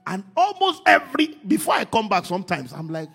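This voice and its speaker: A man preaching a sermon, moving from quiet talk to shouted, sing-song emphasis. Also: high-pitched, huge pitch swings, a little fast, gravelly, slightly rough. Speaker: pastor.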